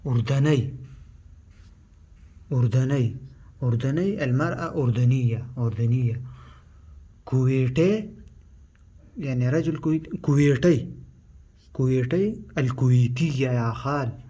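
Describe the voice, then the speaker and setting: A man who speaks Pashto natively, teaching a language lesson in Arabic, explaining slowly, haltingly and with a lot of repetition. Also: mid-range voice, mellow, husky.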